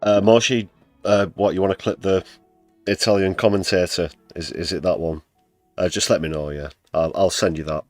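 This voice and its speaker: A man's voice: low voice, steady tone, moderate pace, a little mellow, no echo, soft background music. A man from the United Kingdom hosting a livestream, giving casual, wry commentary on news clips with sarcastic asides. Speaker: livestream host.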